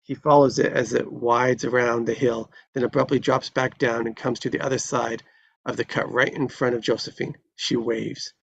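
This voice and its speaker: During a live table read, a man narrates the screenplay's stage directions in a descriptive, storytelling voice. It is medium-pitched with vocal fry, fairly even in intonation, at normal speed. The audio sounds dull and lo-fi, lightly noisy.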